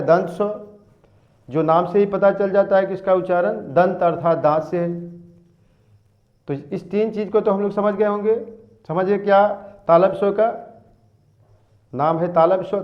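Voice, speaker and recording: A man's voice: sits high, moderate pace. A male teacher giving a classroom grammar lesson, patiently repeating and drilling each point one by one. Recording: dull lo-fi sound.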